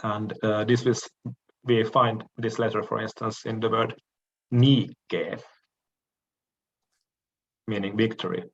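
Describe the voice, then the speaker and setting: Slow, measured male lecturer. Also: on the low side, level tone, muffled recording. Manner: measured, frequent "uh" pauses, occasional throat clearing. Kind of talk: recorded lecture on the alphabet.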